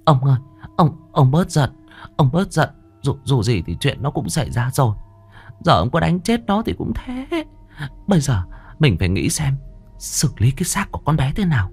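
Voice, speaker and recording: A man's voice: medium pitch, sing-song, normal speed, breathy edge, soft background music, pitched above the performer's own voice. A man voicing a panicky, scheming old mother, stammering and pleading.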